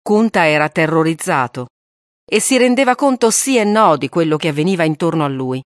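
A woman reading a novel aloud in a steady, grave audiobook narration. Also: low voice, brisk, no echo, clean studio sound.

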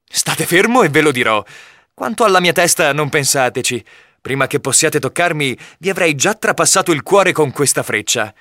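A man voicing a bold, cheerful young male archer in a storybook reading, speaking calmly and firmly. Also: mid-range voice, moderate pace, no echo, clean studio sound, lightly acted. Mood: urgent, firm. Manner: calm, firm.

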